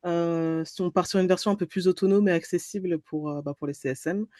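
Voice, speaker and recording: A woman's voice: on the low side, a little fast, warm tone, dry recording, studio quality. A woman talking casually as an interview guest and explaining her work. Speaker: podcast guest, entrepreneur and trainer.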